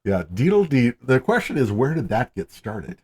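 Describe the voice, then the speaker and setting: A man's voice: mid-range voice, very animated, moderate pace, a little mellow, breathy edge. A man co-hosting a podcast in casual chat, teasing his co-host and prompting the story along.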